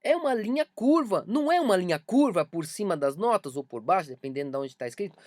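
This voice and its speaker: A man's voice: high voice, animated, quick pace, darkish tone, dry recording. Emphatic Brazilian man teaching music. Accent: Brazilian Portuguese. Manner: emphatic, repeats points to drive them home. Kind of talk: online music lesson.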